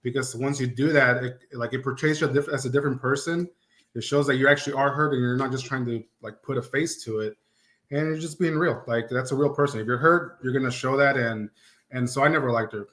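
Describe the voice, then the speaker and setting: An earnest man co-hosting a podcast, agreeing and restating his point. His voice is mid-pitched. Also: a little fast, fairly bright tone. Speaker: podcast co-host. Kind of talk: casual chat.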